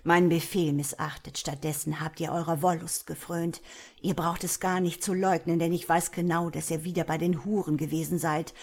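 A woman's voice: low voice, fairly even intonation, unhurried, hardly any pauses, husky, full character voice. A woman voicing a ruthless male vampire prince who gives stern, threatening orders in an audiobook. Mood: stern rebuke. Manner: stern, commanding, rising to shouting.

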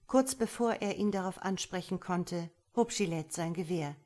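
A woman narrates a tense adventure story in steady, measured scripted narration. Her voice sits on the low side. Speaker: audiobook narrator.

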